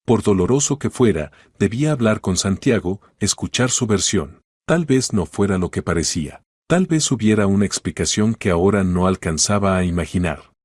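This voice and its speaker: A man narrating a scripted first-person story in a steady, even storytelling delivery. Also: on the low side, moderate pace, dry recording, clean studio sound.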